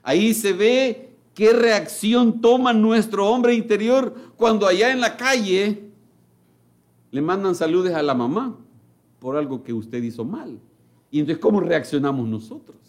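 A man delivers a sermon in a high voice that leaps up and down. He speaks slowly and emphatically, his volume rising and falling sharply, and he slips into the voices of the people in his examples. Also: expressive. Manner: emphatic, with big swings in pitch and loudness. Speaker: preacher.

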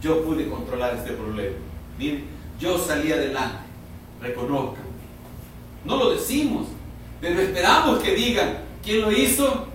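A man preaching a sermon, slow and emphatic, drawing out words and rising to sudden loud peaks. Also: a little high, expressive, a little hiss or hum. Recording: echoey room, heard from far off.

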